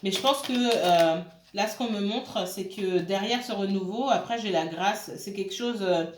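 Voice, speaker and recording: A woman with a mid-range voice gives a casual tarot reading at a moderate pace, full of fillers, hesitations and restarts. She keeps checking in with her listeners, and the room has a noticeable echo.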